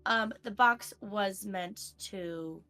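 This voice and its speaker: A woman's voice: mid-range voice, bright, forceful tone, full character voice. Woman doing a flustered, rambling woman. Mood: explaining. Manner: flustered, rambling, talks quickly. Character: frazzled woman running kids' trials. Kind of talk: voicing a character in a tabletop game.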